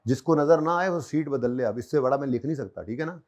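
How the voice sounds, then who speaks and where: Speaking quickly at a medium pitch, this slightly mellow-voiced man runs an accounting lecture with a Pakistani Urdu accent. His style is chatty: he quizzes the students and gently pokes fun at them, in a classroom that has a board.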